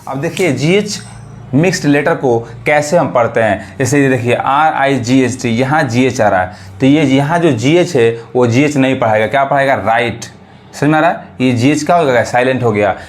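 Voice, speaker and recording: A man teaching a pronunciation lesson to viewers, drawing words out slowly and asking if they follow. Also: medium pitch. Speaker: English teacher. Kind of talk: classroom lesson.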